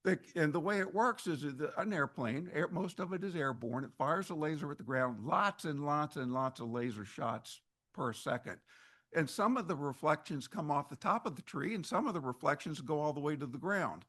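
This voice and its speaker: At an annual meeting, a man delivers a relaxed slide lecture on forest ecology in a meeting hall, his voice a little high, animated, and a bit bright at a normal speed. He frequently restarts phrases and slips in wry comments.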